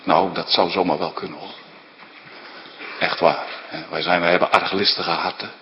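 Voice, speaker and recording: A man's voice: deep voice, little pitch movement, moderate pace, highs cut off, slight background noise. A man preaching a sermon as pastor, pleading and impassioned, often repeating little tag words. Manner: pleading, impassioned preaching with many filler tags. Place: church. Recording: long church reverb.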